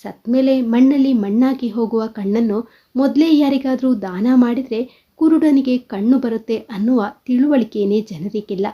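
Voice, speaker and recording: A woman's voice: on the high side, normal speed, lightly acted. A woman voicing a male eye doctor who explains things in a wry, lecturing way, in a dull lo-fi recording.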